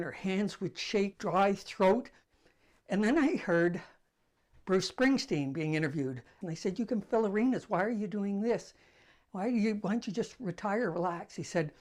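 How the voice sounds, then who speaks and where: With a soft voice that sits high, an older host talks casually to camera, sharing stories conversationally and in a self-deprecating vein.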